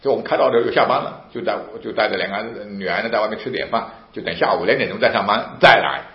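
Fast-talking deep-voiced man telling a story. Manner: animated, re-enacts dialogue with emphatic outbursts. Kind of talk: casual storytelling. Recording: roomy, dull lo-fi recording with faint hiss.

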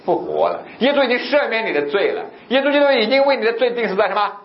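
A man's voice: very high-pitched, fast, vocal fry. A man preaching a sermon as pastor, telling stories and asking the congregation rhetorical questions. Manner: animated, rhetorical questions, storytelling. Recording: echoey, slightly dull recording with faint noise.

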